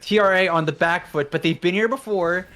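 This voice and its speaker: A man with a northern English accent giving measured, analytical esports commentary. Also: high-pitched, fairly bright tone. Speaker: esports caster.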